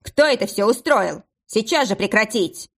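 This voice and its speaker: A woman's voice: medium pitch, lively intonation, normal speed, a bit bright. A woman reading aloud and voicing a stern, blustering middle-aged male office boss.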